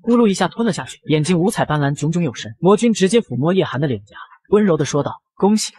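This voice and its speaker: A man narrates a comic recap at a rapid pace. His voice is somewhat high and slightly husky. It sounds dry and close. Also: animated, darkish tone, no room sound.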